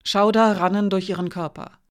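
A woman narrating an audiobook in a measured, expressive reading. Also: mid-range voice.

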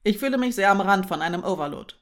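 A woman voicing a shy, easily overwhelmed young woman in love, murmuring quietly in a German audiobook. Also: medium pitch, expressive, fast talker, natural voice.

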